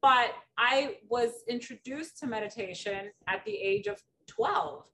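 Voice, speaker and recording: A woman's voice: on the high side, measured pace, vocal fry, bright, forceful tone. A middle-aged woman from the Dominican Republic hosting a casual interview, chatty and full of stories, often using fillers. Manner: chatty, storytelling, many fillers. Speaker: podcast host. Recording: distant mic with faint background noise.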